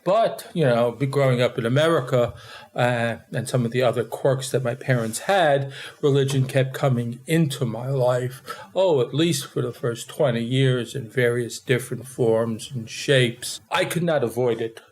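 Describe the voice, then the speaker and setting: A man in his sixties with a New York accent, a guest in an interview telling stories about growing up, in a halting way with many fillers. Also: medium pitch, darkish tone. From Austria. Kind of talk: casual storytelling interview.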